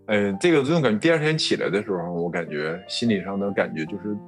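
A man telling his own story in a soft-spoken, halting, heartfelt way. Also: lowish voice, expressive, soft background music. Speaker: story guest. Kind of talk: personal storytelling.

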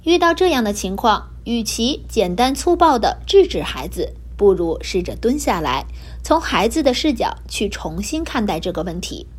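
A woman hosting a children's learning program, reading a picture book aloud with gentle expression. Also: on the high side, sing-song, moderate pace. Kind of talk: storytelling for children.

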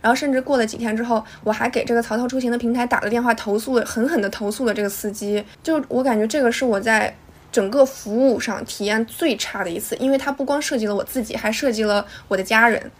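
A young woman co-hosting a podcast, telling a story in a brisk, indignant way. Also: fairly high pitch. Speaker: podcast co-host. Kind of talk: casual chat.

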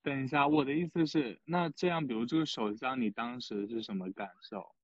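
A man of middle pitch asks brief, casual follow-up questions as an interviewer. He sounds off-mic and slightly muffled. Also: a little fast, no echo, far from the mic.

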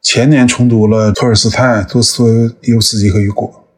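A man in his fifties from northeast China speaks as a podcast guest, slightly low and husky, his speech measured and thoughtful. He stops often with small hesitations as he works through his answers. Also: steady tone. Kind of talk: conversational interview.

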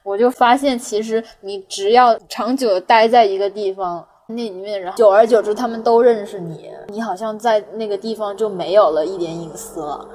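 Young woman, Cantonese-accented Mandarin, podcast co-host, mid-pitched, casual reflective storytelling. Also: fairly quick, hardly any pauses, a little mellow. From Guangdong, China. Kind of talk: casual chat.

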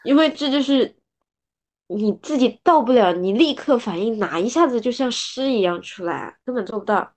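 Woman co-host, casual podcast talk, animated with examples, laughs easily. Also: fairly high pitch, moderate pace. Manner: lively, gives examples and laughs often. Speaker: former translation student. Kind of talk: casual book-club chat.

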